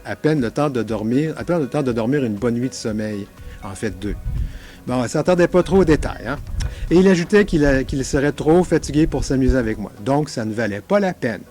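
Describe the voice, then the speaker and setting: A man's voice: mid-range voice, animated, brisk, a little mellow, soft background music. Wry Québécois man reading his story. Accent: Québécois French. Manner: wry, self-mocking storytelling. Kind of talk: literary reading.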